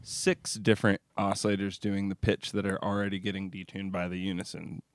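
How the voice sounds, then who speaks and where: Low-voiced hesitant male co-host. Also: flat delivery, brisk, no room sound. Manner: hesitant, thinks aloud, hedges. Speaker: podcast co-host. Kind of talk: casual chat.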